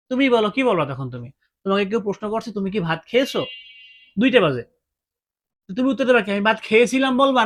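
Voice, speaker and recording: A man's voice: sits high, fairly bright tone. A man teaching English grammar, asking his students questions and repeating each point. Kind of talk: classroom-style grammar lesson.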